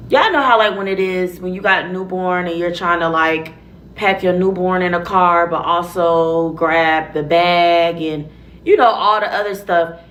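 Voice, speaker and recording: A woman's voice: fairly low pitch, a little slow, fairly bright tone, a little hiss or hum, poor audio. A young adult woman telling a casual, profane story to her viewers, blunt and chatty, acting out her own reactions.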